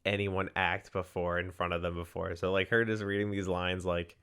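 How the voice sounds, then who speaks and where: Young guy w a low smooth voice, rambly movie podcast chat, says like a lot. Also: little pitch movement, normal speed. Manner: rambling, many likes, acts out quotes loudly. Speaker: podcast co-host. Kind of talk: casual movie review chat.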